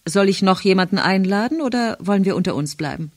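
A woman voicing a brisk, sensible woman in an audiobook, quick and matter-of-fact. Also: mid-range voice, lively intonation, dry recording, studio quality, pitched above the performer's own voice, close to an everyday voice.

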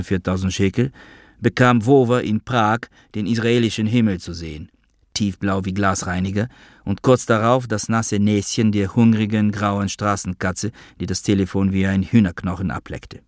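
Gravelly low-voiced male audiobook narrator. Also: no room sound, studio quality. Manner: wry, measured first-person telling.

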